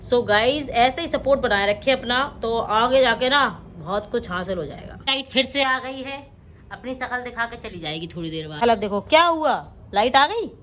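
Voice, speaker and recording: A young vlogger with a slightly high, expressive voice chats casually with her viewers at home at a normal pace, talking about her day and coaxing her sleepy child. The sound is a little bright, with some hiss or hum.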